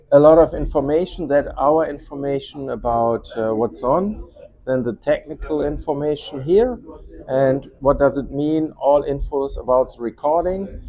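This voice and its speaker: His voice is on the high side and mellow, captured with lo-fi sound. He's a German-accented company rep casually demonstrating a product, his English hesitant as he hunts for the right phrasing.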